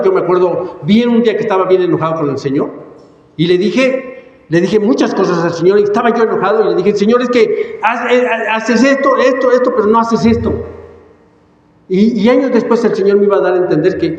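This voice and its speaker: Male pastor, high-pitched, emphatic sermon, heavy echo, dull lo-fi sound. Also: darkish tone. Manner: emphatic preaching, repeats words, coughs and apologizes. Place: church hall. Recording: echoey church hall, dull sound.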